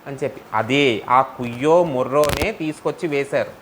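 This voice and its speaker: A man teaching a devotional scripture class who asks his listeners one rhetorical question after another and chants verses in a measured cadence. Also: medium pitch, noisy background. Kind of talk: devotional storytelling lesson.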